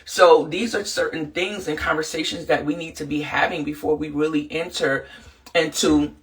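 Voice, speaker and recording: A low-pitched woman, a podcast host and counselor, gives a casual motivational talk at a moderate pace with fairly even intonation. She's a bit congested from the flu and speaks earnestly, rambling loosely with many fillers. She sits far from the mic, and the audio quality is poor.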